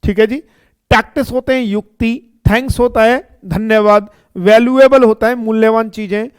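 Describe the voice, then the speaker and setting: A man whose voice sits high, steady and clean teaches English grammar in a dry recording. His explanations are slow, step-by-step and repetitive, punctuated by check-ins like "ठीक है" and "है ना".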